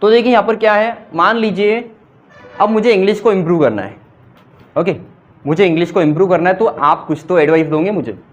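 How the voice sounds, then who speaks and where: A man with a high voice gives an English grammar lecture in class, explaining things in Hindi, reading out English example sentences, and testing students again and again. He speaks a little fast, and the audio is dull and lo-fi.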